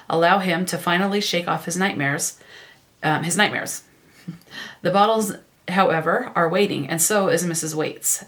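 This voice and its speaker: A woman's voice: on the low side, a bit bright. A woman hosting a casual book vlog, chatting and reading book synopses aloud, with small stumbles and self-corrections. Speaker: book vlogger.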